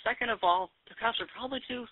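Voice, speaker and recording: A man's voice: very high voice, fast talker, heavy background noise. A young man doing a sarcastic, rambling comedy monologue. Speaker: amateur comedian. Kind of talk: stand-up style comedy monologue. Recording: tinny phone-like lo-fi recording.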